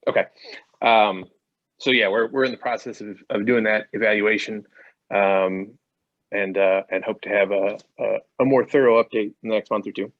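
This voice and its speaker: A man's voice: lowish voice, fairly even intonation, moderate pace, highs cut off. A man giving a hesitant update over a video call whose audio keeps breaking up. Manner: hesitant, repeats words and restarts. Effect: choppy video-call audio that breaks up. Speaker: meeting participant giving a project update.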